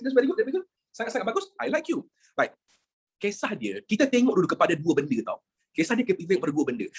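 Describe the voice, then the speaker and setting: A history teacher with a Malaysian Malay accent, lecturing a class in a lively way, firing rhetorical questions, joking and dropping in English phrases. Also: mid-range voice, slightly rough.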